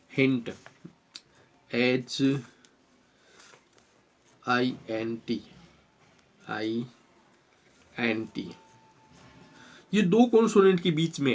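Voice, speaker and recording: A man with an Indian accent teaching a spelling rule in a slow classroom explanation, repeating words and spelling them out letter by letter. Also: mid-range voice, a little mellow.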